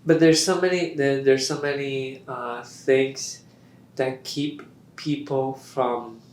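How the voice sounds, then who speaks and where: A man's voice: medium pitch, fairly even intonation, slow pace, a little hiss or hum. A man talking as a guest on a casual podcast, emphatic and repeating key words, often laughing. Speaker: podcast guest, business owner. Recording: roomy echoey room.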